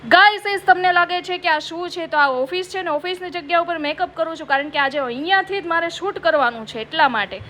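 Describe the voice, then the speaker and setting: Chatty high-voiced woman vlogger. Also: brisk, hardly any pauses, pushed and bright, slight background noise. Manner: playful self-mocking, addresses viewers as guys. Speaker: comedy vlogger. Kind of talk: comic makeup vlog, chatty. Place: office.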